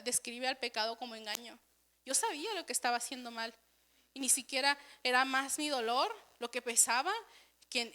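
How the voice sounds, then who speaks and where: Young woman at church telling her testimony, high bright voice, earnest and emotional, keeps restarting words. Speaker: church speaker.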